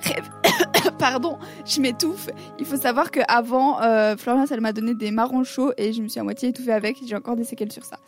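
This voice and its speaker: A woman's voice: on the high side, brisk. A woman hosting a radio show in casual chat, laughing often between lines. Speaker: radio host. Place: radio studio. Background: faint music bed.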